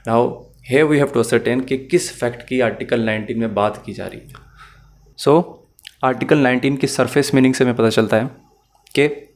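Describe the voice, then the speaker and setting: In an online lecture, a male law teacher with a mid-range voice goes over the material methodically. He repeats and rephrases his points and mixes in English phrases.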